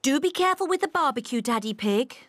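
A woman voicing a sensible, gently chiding mother pig in a children's cartoon. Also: sits high, expressive, fast, a little hiss or hum.

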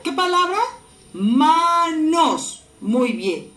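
A woman teacher with a Peruvian Spanish accent speaks slowly and patiently to small children. Her voice is high and moves a lot, and she stretches out sounds for them to repeat. The room is echoey. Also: big pitch swings. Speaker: primary school teacher. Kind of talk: recorded lesson for young children.

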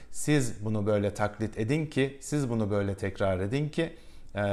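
Male teacher, low voice, patient explainer who poses questions to the learner. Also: a little mellow. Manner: explains step by step with rhetorical questions; slows down to model English pronunciation. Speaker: English teacher. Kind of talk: spoken lesson.

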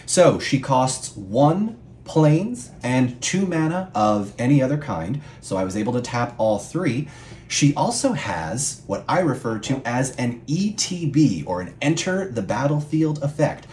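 A man in a casual chat, calmly walking a co-player through card game rules with playful asides. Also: mid-range voice, measured pace. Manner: clear, patient rule explanations with playful asides. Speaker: guest co-player explaining the rules. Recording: echoey room with faint background hum.

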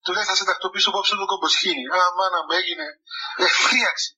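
A man with a Cypriot Greek accent, a monk preaching a sermon full of funny stories, with many halting restarts. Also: sits high, sharp tone, husky, low-quality recording. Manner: storytelling, chuckling, halting restarts. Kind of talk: humorous sermon talk with anecdotes.

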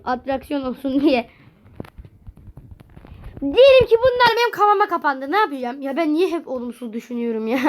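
A gaming video creator with a strikingly high voice gives casual commentary over a video game. Excitable, she swings between loud exclamations and quiet muttering, often laughing at her own mistakes.

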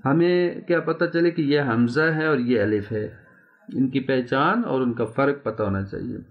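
A man's voice: mid-range voice, dull audio. A man teaching Quran recitation in an online lesson, patiently drawing out sounds and checking in with his students. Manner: patient, repeats sounds slowly and checks in often.

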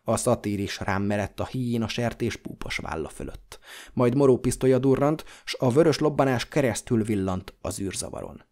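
Man, audiobook narration, dark mellow voice, measured dramatic reading. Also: medium pitch.

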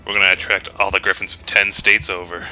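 A man's voice: sits low, level tone, fast, pushed and bright, faint music behind. A man giving casual, jokey let's play commentary, teasing the game and exclaiming as he goes. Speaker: gaming host. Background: video game sounds.

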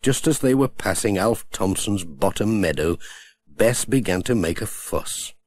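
A man reading a children's storybook aloud in a gentle, unhurried way. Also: lowish voice, expressive. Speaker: audiobook narrator.

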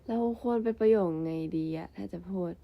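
A woman's voice: medium pitch, brisk, vocal fry. Playful young woman vlogging. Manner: playful and chatty, laughs often. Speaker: idol group member. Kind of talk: casual vlog chat. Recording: slightly dull, muffled sound.

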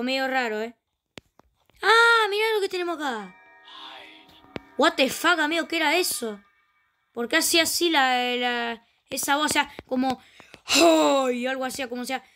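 A woman's voice: high-pitched, normal speed, sharp tone, soft background music. A woman with a Rioplatense Spanish accent, chatting casually through a let's play and exclaiming often. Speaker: gaming channel host.

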